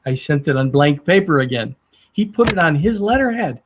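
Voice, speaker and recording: A man's voice: a little high, lively intonation, normal speed, a little hiss or hum. A man telling sales anecdotes in a storytelling talk, acting out the dialogue he quotes. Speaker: sales speaker. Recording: dull lo-fi recording.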